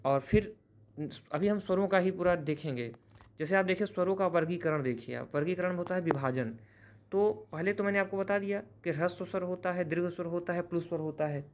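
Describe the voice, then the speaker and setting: A man teaching a grammar lesson who explains patiently, often restates terms, and corrects himself mid-sentence. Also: fairly high pitch. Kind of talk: classroom-style grammar lesson.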